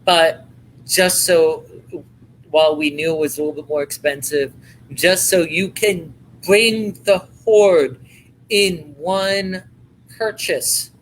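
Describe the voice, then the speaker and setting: A man hosting a live-stream sale, giving a playful, hammy home-shopping style sales pitch with chatty patter. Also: slow, a bit bright, a little hiss or hum, rough recording.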